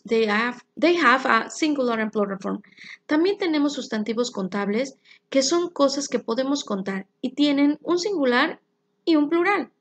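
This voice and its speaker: A woman teaching an English grammar lesson, explaining rules slowly and clearly and reading example sentences. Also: a little high. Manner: clear, slow explanations with spelled-out endings.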